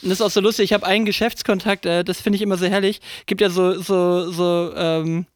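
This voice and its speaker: A man's voice: high-pitched, level tone, fairly quick, dry recording, clean studio sound. A man in his thirties co-hosting a podcast, chatting casually and rambling with many fillers and restarts. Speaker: podcast co-host. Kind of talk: casual chat.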